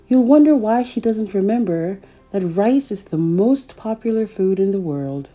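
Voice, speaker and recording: A woman's voice: mid-range voice, mellow. A woman hosting a children's read-aloud, telling a picture-book story expressively and speaking directly to young listeners.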